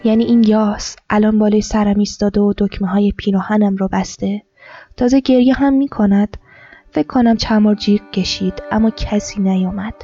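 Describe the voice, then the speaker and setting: A woman author reading her own literary story, narrating in a quiet, measured first-person voice. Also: mid-range voice, steady tone. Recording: dull lo-fi with soft music.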